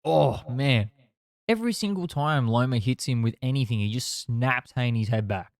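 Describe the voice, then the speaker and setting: A man's voice: mid-range voice, moderate pace, dry recording. Chatty Kiwi man, close dry sound. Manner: chatty, blokey, sweary. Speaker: boxing watch-along podcast host. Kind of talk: casual live fight commentary.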